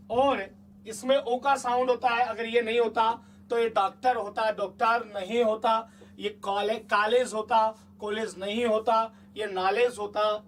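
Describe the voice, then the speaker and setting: High-voiced man teaching a coaxing lesson. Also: recorded from a distance, a little hiss or hum. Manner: chatty, coaxing, asks the class repeated check questions. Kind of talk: exam-prep lesson.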